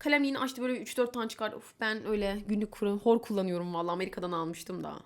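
A young woman telling stories in a casual vlog, candid and chatty, with exasperated asides and quick mimicry of the people she quotes. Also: medium pitch, steady tone. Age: young adult. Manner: quotes others in mimicking voices. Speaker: vlogger.

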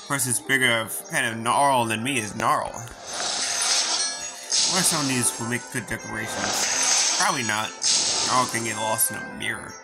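A man's voice: mid-range voice, poor audio. Man, playful game-dialogue reader, ad-libs jokes, game music running underneath. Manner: playful, reads lines in character and jokes about them. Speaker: gaming YouTuber. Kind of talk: reading game dialogue aloud with commentary.

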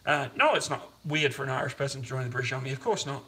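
Fast and forceful, with a bright medium-pitched voice, a young man rambles and jokes at his own expense while cooking live in his home kitchen. A tripod-mounted camera across the room captures him, so the audio sounds roomy and distant.

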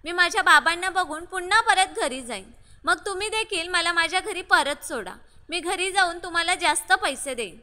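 A frightened, tearful young woman pleads in a very high, bright voice, as a woman narrator reads her lines. Her words ring out with a long hall reverb in this read-aloud story. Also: expressive, normal speed, heavily acted. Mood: pleading.

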